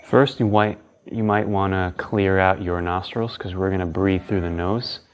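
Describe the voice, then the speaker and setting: A man's voice: sits low, fairly even intonation, normal speed, a little hiss or hum. A man teaching a guided breathing lesson as an instructor, with casual, informal phrasing.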